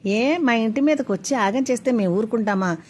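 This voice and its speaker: A woman voicing a stubborn elderly house-owning woman who argues quickly and sharply. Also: fairly high pitch, darkish tone, close to an everyday voice. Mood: indignant.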